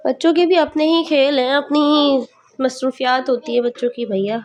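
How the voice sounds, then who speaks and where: A young woman, a mother, chatting gently with viewers in a casual home vlog while she sounds unwell. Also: sits high, fairly even intonation, moderate pace, highs cut off. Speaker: vlogger and mother.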